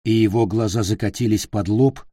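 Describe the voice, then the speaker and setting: A man reading fiction aloud as an audiobook narrator, slow and deliberate. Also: lowish voice, steady tone, mellow, no echo, clean studio sound.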